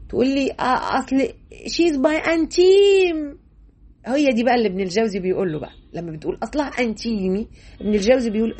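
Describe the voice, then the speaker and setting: A woman's voice: a little high, a little mellow, breathy edge. A middle-aged woman with an Egyptian accent giving a religious lesson, talking colloquially and emphatically, with frequent stammered restarts. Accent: Egyptian Arabic. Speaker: religious lecturer.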